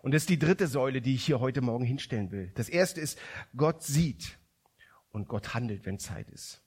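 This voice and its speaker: A man's voice: medium pitch, expressive, moderate pace, breathy edge. A man preaching a sermon, retelling a story conversationally with frequent restarts.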